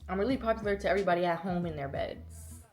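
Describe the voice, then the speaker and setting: A woman in her early twenties answering questions as a content creator in a casual, animated, slangy and playful way. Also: on the low side, quick pace, over loud music. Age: early 20s. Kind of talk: casual chatty Q&A.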